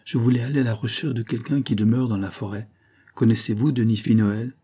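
A man's voice: mid-range voice, fairly even intonation, a little fast, warm tone, slightly rough, lightly acted. A man voicing a frightened young woman.

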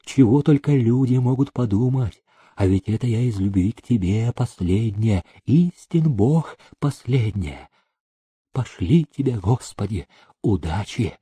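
A man's voice: on the high side, sing-song, a little slow, dark tone, husky, pitched above the performer's own voice, heavily acted. A man putting on a fawning, whining old steward. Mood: whining, pleading. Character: fawning, scheming stout old male steward.

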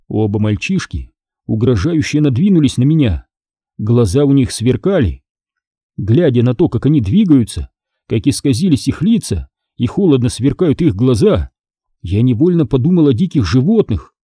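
Husky, expressive male storyteller. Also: medium pitch, moderate pace, no echo, clean studio sound. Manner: expressive, dramatic reading. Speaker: audiobook narrator. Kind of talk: first-person story narration.

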